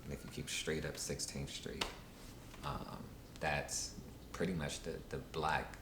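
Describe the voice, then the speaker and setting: A man in his thirties with an extremely low, flat voice answers interview questions in an unhurried, halting way, full of ums and uhs. He is recorded in a roomy space with a steady low rumble behind him. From Washington, D.C. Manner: unhurried, halting, many fillers.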